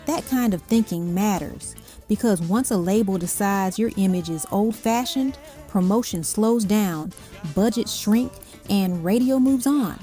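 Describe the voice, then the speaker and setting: With faint music beneath her, a woman delivers scripted music-countdown narration in emphatic, punchy little phrases. Her voice is medium-pitched and unhurried.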